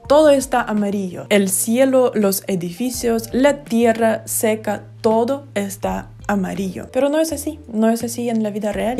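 Mellow-voiced woman vlogging in Spanish. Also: mid-range voice. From Ukraine. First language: Ukrainian. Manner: friendly, addresses viewers directly. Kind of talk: casual chat to camera.

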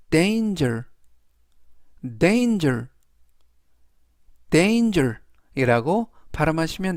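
A man teaching English reading in a slow, patient way, repeating each word three times with set explaining phrases. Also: a little high, clean tone, no room sound, clean studio sound. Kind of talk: phonics lesson.

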